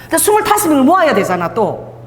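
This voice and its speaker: Lively woman pastor preaching in a reverberant church. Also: high voice, quick pace. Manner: lively preaching with congregation call-and-response and quoted voices. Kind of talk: sermon. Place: church sanctuary.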